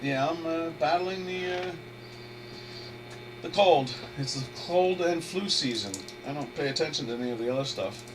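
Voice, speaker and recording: A man with a voice on the high side and a moderate pace hosts a live trading webinar while battling a head cold. He muses about the market casually, rambling and restarting sentences as he thinks aloud. A distant mic picks him up over a steady electrical hum.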